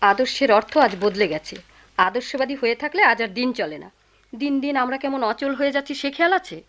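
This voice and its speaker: দৃঢ়, ভর্ৎসনাময় মধ্যবয়সী মা, একটু উঁচু গলা. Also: female voice, fairly high pitch, animated, fairly quick, fairly bright tone. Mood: reproachful. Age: middle-aged. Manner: firm, reproachful. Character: practical middle-aged mother, sharp-tongued and tired. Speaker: mother of grown children. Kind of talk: 1990s radio drama acting.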